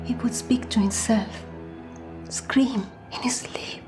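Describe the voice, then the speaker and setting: An actress in her forties playing a grieving sister and widow in a horror film, talking in a weary, quiet voice that often drops to a half-whisper. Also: on the high side, steady tone, slow pace, music in the background. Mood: sombre. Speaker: film character, older sister. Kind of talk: film acting.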